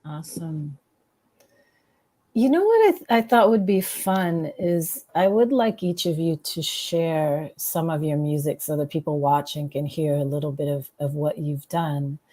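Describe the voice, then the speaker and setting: Mellow, friendly woman host. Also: low voice, lively intonation, unhurried. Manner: friendly, curious interviewer. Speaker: host, musician. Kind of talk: casual interview chat. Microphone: video call.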